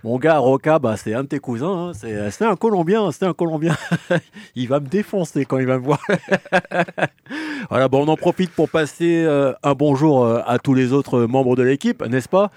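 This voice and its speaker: A man's voice: mid-range voice, normal speed, a little mellow, no echo. A man hosting a radio show in casual chat, joking and teasing about absent team members. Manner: joking, teasing, laughs often.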